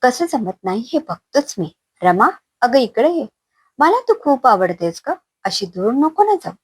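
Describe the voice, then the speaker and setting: A woman voicing a young man who menaces his sister-in-law, in a husky, threatening tone. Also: fairly high pitch, big pitch swings, a little slow, dry recording, pitched above the performer's own voice, heavily acted. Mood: mocking. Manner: threatening, coaxing. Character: young male brother-in-law, menacing and pushy.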